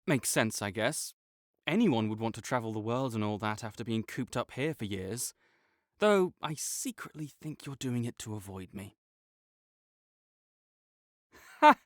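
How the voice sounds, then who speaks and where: In this audio roleplay, a young adult male voice actor performs a rival student who is competitive, teasing and bossy before becoming flustered and defensive. His voice sits in the mid range, and the sound is clean studio audio without any echo.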